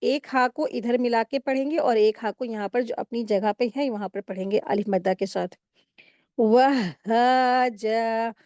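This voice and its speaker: A woman teaching Quran recitation rules step by step in a patient, explaining manner, pausing to recite words slowly. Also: fairly high pitch, steady tone, mellow, dry recording, studio quality. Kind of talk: step-by-step tajweed lesson.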